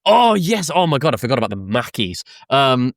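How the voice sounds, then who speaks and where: Recorded dry and clean on a close podcast mic, a young British co-host meanders through a story with swearing, laughs and frequent ums. He speaks briskly in a mid-range voice that swings widely in pitch, with no echo.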